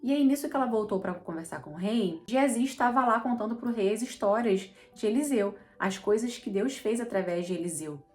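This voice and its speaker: A woman's voice: fairly high pitch, animated, brisk, few pauses, darkish tone, soft background music. A woman with a Brazilian accent teaching a Bible lesson as chatty storytelling, often checking in with her listeners. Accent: Brazilian Portuguese.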